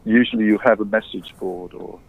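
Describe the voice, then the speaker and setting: A man from England, a guest musician, telling stories in a relaxed, plain way. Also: lowish voice, a little fast, vocal fry. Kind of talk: casual interview chat. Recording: tinny phone-like line.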